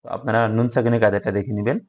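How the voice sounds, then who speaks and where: A man's voice: on the low side, fairly even intonation, a little mellow. Man patiently spelling out recitation syllables. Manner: spells out syllables slowly, then drawls them long. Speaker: Quran reading teacher. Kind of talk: recorded Quran recitation lesson.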